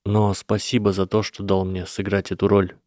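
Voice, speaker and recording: A man's voice: deep voice, monotone, normal speed, dry recording, studio quality, close to an everyday voice. A man doing a shy, hesitant young boy. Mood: quiet. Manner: quiet, hesitant. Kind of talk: audiobook character voice.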